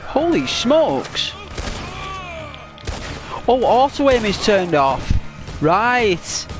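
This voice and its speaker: A gaming channel host with a British accent chats casually while playing a video game, rambling with plenty of "like" and frequent restarts. His voice sits high with big pitch swings, and he talks extremely slowly over background music.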